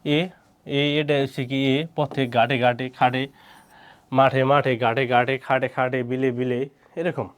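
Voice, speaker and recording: In a mid-range, clean-toned voice with little pitch movement, a man teaches an exam-prep lesson at a moderate pace. He poses questions, answers them himself, and repeats every word twice.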